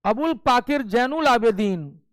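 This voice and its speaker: Guy coaching for exams, really high voice, smooth and dry. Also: lively intonation, measured pace, dry recording. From Bihar. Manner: explains step by step with frequent "ठीक है" check-ins. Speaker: teacher. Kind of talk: exam coaching lecture.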